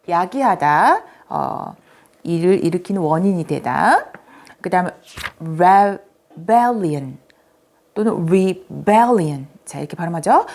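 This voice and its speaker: A woman teaching English vocabulary, saying each word slowly and clearly, then explaining it quickly. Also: fairly low pitch, darkish tone. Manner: slow, drawn-out English model words, then quicker Korean explanation. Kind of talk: bilingual vocabulary lesson.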